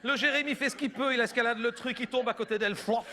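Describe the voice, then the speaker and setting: A man's voice: extremely high pitch, fast, noisy background. A man performing a stand-up comedy routine, telling a story and acting out the people in it with shifts of voice.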